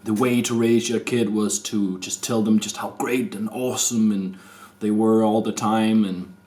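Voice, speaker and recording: With a lowish, slightly mellow voice that barely moves in pitch, a Danish vlogger of thirty rambles hesitantly to his camera mic. His personal confession is full of restarts and fillers.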